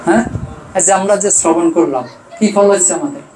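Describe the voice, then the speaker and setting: A man giving a devotional sermon. He keeps asking questions and answering them himself, rising for emphasis and trailing off low. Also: fast talker, a little mellow, echoey room, slight background noise, low-quality recording. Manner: rises in pitch and volume for emphasis, trails off low. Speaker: preacher. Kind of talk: devotional sermon with chanted verses.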